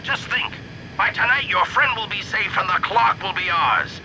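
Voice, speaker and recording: An actor playing a confident, heroic comrade speaking briskly in a video game. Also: male voice, sits high, sharp tone, slight background noise, full character voice, rough recording.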